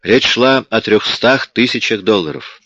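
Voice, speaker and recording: Male audiobook narrator, deep voice, dry, dull lo-fi sound, steady crime-novel reading. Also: measured pace, dry recording.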